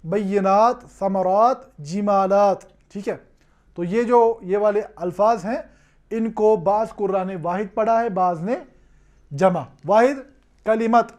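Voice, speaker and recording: Kashmiri male lecturer, high voice, patient explanatory classroom delivery. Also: a little mellow. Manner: explanatory, repeats checking questions to students. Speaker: teacher. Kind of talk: classroom lecture on Quran recitation.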